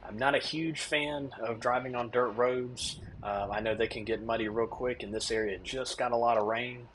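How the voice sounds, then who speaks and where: A man's voice: medium pitch, fairly even intonation, moderate pace, noisy background. A man giving a casual, explanatory voice-over as a storm chaser narrating his own footage.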